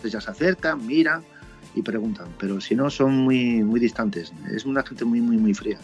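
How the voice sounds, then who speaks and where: A man from Spain chatting casually and telling lively stories about his motorcycle trip. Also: medium pitch, normal speed, dull audio, faint music behind. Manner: lively storyteller, swears casually. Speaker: motorcycle traveler guest. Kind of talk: casual chat.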